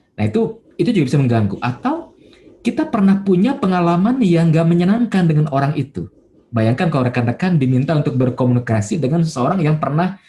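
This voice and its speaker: A man preaching as a pastor in a relaxed, conversational church talk, with many fillers and quoted everyday voices. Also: a little high. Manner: acts out everyday quotes in a livelier voice. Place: church online service.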